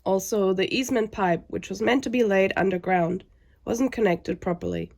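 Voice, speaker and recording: A woman's voice: medium pitch, very animated, moderate pace, a little mellow. A woman sounding under the weather and weary, narrating a scripted vlog with frustration.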